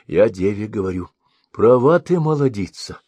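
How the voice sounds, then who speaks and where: A man's voice: fairly low pitch, moderate pace, husky, dry recording. A man voicing a boastful young minstrel spinning a tall tale. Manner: lively, boastful storytelling.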